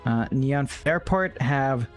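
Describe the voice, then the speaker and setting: A man casting an esports match, giving quick analytical draft commentary with stammered restarts. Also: medium pitch, animated, soft background music. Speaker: esports caster.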